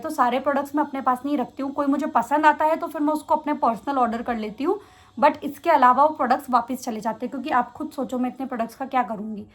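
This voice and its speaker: A young woman vlogger answering viewer questions in a fast, chatty way. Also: high-pitched. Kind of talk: casual Q&A chat.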